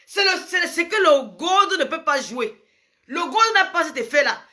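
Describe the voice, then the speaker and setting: Lady ranting advice, high bright voice, repeats herself, big exclamations. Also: animated, moderate pace. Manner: emphatic, repetitive, exclaiming. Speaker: advice vlogger. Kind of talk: frank advice monologue.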